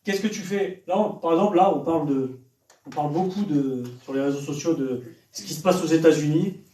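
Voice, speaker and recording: Echoey preacher with a raised voice. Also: male voice, a little high, fairly quick, dark tone. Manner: direct, questioning the audience. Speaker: evangelist preacher. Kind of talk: sermon to young people. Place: church hall. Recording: echoey church hall, from far off.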